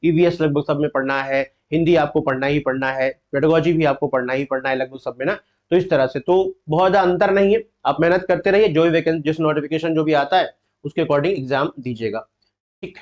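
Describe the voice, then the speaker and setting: A man's voice: on the high side, steady tone, a little fast, a little mellow. A male teacher running a live online exam-prep class, quizzing students, explaining step by step and fondly calling them "beta". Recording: dull lo-fi audio.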